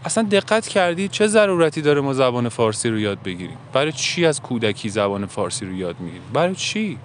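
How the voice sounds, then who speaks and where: A man's voice: medium pitch, lively intonation. Earnest musing man, faint traffic behind. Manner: earnest, musing, asks himself questions. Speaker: self-help podcaster. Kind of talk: reflective monologue.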